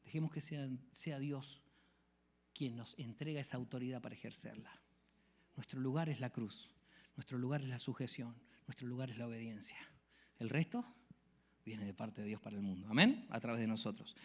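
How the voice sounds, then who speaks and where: A man preaching a sermon, swinging from hushed whispers to loud exclamations. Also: mid-range voice, moderate pace. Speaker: pastor.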